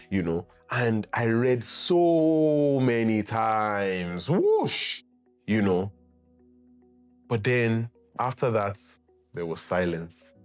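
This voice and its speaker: A man with a Nigerian English accent recounts his own story in a casual vlog, his everyday voice on the low side. He laughs easily and throws his pitch up sharply when he mimics others. Faint music runs quietly underneath. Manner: animated, laughs often, acts out quotes with big pitch jumps. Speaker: actor sharing his story.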